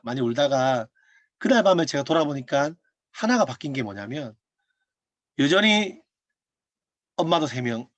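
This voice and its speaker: A man's voice: a little high, dry recording. A male pastor preaching a sermon as a personal testimony, telling the story with laughter and acting out what people said. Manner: animated storytelling with laughs and acted-out quotes. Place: online prayer meeting over video call.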